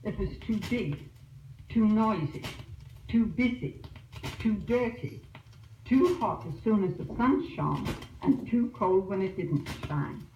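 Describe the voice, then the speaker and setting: A woman's voice: mid-range voice, lively intonation, slow pace, dark tone, roomy sound, recorded from a distance, lo-fi sound. Woman on a noisy old disc recording. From Australia. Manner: chatty, newsy storytelling. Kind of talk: spoken letter to family back home.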